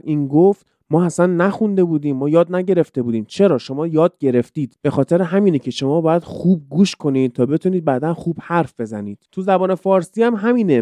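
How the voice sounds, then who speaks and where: A man's voice: a little high, warm tone, no room sound. A man hosting a casual podcast lesson, explaining with many examples and rhetorical questions. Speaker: podcast host teaching English.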